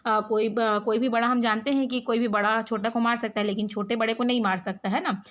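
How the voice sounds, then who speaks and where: A woman's voice: fairly high pitch, steady tone, fairly quick, a bit bright. A woman teacher reads a story aloud and retells it in simple words, often checking in with "है ना". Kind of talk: reading a story aloud and explaining it in class.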